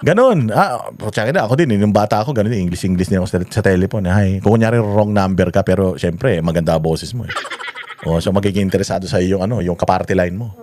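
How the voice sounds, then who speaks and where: A man's voice: low voice, fast talker, darkish tone, a little hiss or hum. A man delivering ranting political commentary, profane, mocking and sarcastic. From Philippines.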